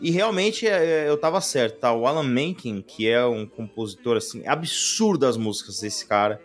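A man's voice: medium pitch, lively intonation, moderate pace. A man with a Brazilian Portuguese accent, co-hosting a casual film chat in an informal, slangy way, enthusiastic and emphatic, often repeating himself for stress. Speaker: podcast co-host. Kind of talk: casual chat about films.

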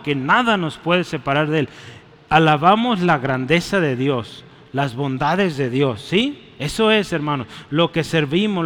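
A man's voice: a little high, a bit bright. A young man preaching a sermon to his congregation, chatty and full of questions to the listeners. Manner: conversational, asks the congregation questions, tag "¿verdad?". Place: church hall. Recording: long hall reverb.

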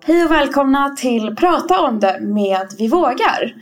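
A woman hosting a podcast in casual chat, quick and upbeat, chiming in to finish thoughts. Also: high voice, animated, soft background music. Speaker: podcast host.

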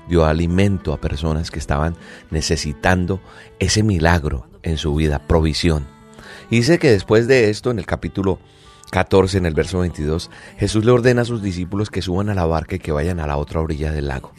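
A man with a fairly low voice delivers a daily devotional sermon, speaking close to the mic. He reads a scripture passage and then turns to earnest reflection and encouragement. Faint music plays behind him. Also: a little mellow. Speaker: preacher.

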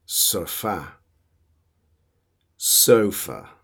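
A man teaches English vocabulary at a very unhurried pace. His low, husky voice rises and falls in a lively way. He teases the listener playfully and leaves pauses for them to repeat each word. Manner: playful, teasing quizzing; drills words with pauses to repeat. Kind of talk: vocabulary lesson.

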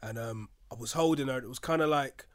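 A man's voice: mid-range voice, a little fast. A man speaking as a guest on a casual podcast, telling a long personal story earnestly and acting out what others said. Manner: earnest storytelling, acts out voices in quotes. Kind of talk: casual chat.

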